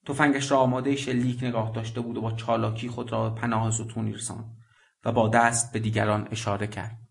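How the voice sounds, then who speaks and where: A man reading a literary story as a radio narrator, measured and deliberate. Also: on the low side, little pitch movement, gravelly. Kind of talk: scripted narration.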